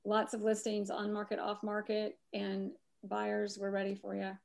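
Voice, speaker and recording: A woman's voice: medium pitch, monotone, gravelly, darkish tone. Southern woman, podcast co-host, chatty and loose. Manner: chatty, rambling, quick to laugh. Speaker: real estate podcast co-host. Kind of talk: casual live podcast chat.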